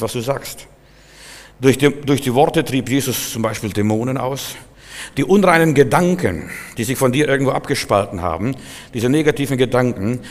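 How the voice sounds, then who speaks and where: A man delivers a sermon, addressing his listeners as brothers and sisters. His voice sits at a middle pitch and keeps lurching from loud, emphatic cries down to hushed asides. A long church-hall reverb trails behind every phrase. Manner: emphatic, swinging from loud outbursts to low asides; addresses listeners directly, repeats key words. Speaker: preacher. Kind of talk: sermon to a congregation.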